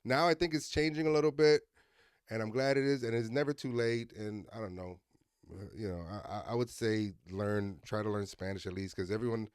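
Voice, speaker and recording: A man's voice: fairly low pitch, brisk, smooth, dry recording. Profane joking man in a dry room. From Miami. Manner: profane, joking, animated storyteller. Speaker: comedian guest. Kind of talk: casual podcast chat.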